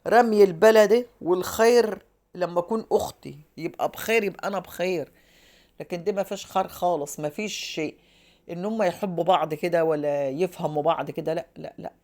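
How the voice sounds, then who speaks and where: A woman's voice: lowish voice, fast talker, darkish tone. A woman with an Egyptian Arabic accent giving heated commentary to her viewers, scolding, indignant and repeating herself. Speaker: social media commentator.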